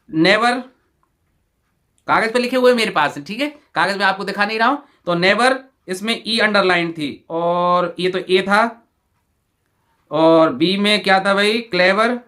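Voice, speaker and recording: Male teacher from Rajasthan, high voice, step-by-step answer walkthrough, slow word drills. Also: sharp tone. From Rajasthan, India. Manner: explains step by step, repeats "dekhiye", drills pronunciation slowly.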